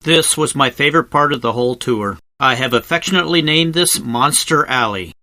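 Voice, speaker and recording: A man's voice: mid-range voice, a little fast, pushed and bright, no echo. A man narrating a travel video as a scripted voice-over, explaining things like an informal tour guide in a conversational way with wry asides. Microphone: close voice-over microphone, recorded separately from the cave.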